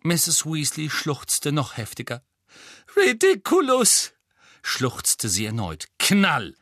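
A male audiobook narrator reads a novel with a dramatic, theatrical delivery. His voice sits at an ordinary middle pitch for a man. The recording is close and dry, with no room sound. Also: lively intonation, slow pace, no echo. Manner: dramatic reading that rises sharply for shouted lines. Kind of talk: scripted fiction narration.

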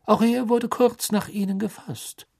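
An audiobook reader voicing a cold, stern male ministry official who questions in a sharp, clipped way. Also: mid-range voice, steady tone, a little slow, vocal fry, pitched above the performer's own voice. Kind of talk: audiobook character voice.

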